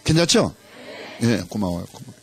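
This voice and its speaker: A man's voice: on the low side, big pitch swings, brisk, a little mellow. A middle-aged male pastor preaching in a church, playfully leading the congregation through a game. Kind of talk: sermon. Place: church sanctuary.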